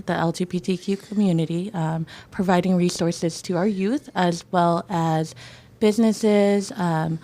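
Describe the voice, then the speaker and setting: A young woman from Sonoma County talks with earnest, easygoing warmth in a casual podcast interview. Her voice sits low and carries a gravelly fry. She leans on words like "y'all" and "folks.". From Sonoma County, California. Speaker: guest, nonprofit co-director.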